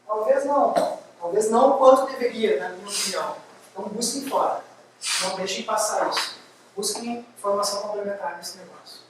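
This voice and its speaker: A man giving a university lecture, lively and firing quick questions at the audience. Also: sits high. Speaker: guest lecturer. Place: large lecture hall. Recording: echoey hall, distant mic, faint hiss.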